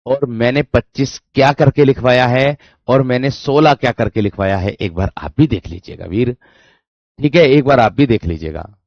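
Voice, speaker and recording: At a moderate pace, a man of medium pitch and slightly mellow tone leads a Hindi grammar class online. He repeatedly calls the students dear friends, echoes his own phrases, and demonstrates sounds by repeating syllables. Sound quality is dry, dull and lo-fi.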